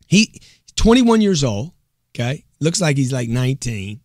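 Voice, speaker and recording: A man hosting a motivational talk show, loud and pushy with a hyped salesman delivery. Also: medium pitch, very animated, a little slow, dry recording, studio quality. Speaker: show host.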